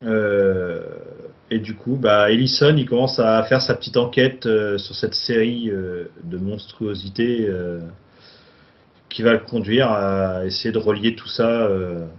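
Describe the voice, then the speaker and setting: A man co-hosting a laid-back film podcast sums up a plot in a fairly low, fairly even voice at a measured pace, with lots of hesitations and fillers. The recording sounds dull and lo-fi.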